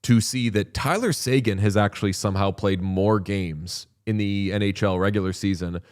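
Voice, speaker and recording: A podcast host with a lowish, darkish, clean-toned voice talks at a normal speed. He chats casually and animatedly about hockey, swearing freely.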